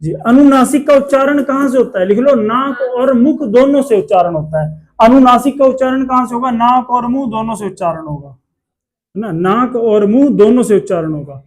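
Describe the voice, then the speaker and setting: A man's voice: very high-pitched, normal speed. A man teaching a class, asking questions and repeating the answers himself. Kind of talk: classroom lesson.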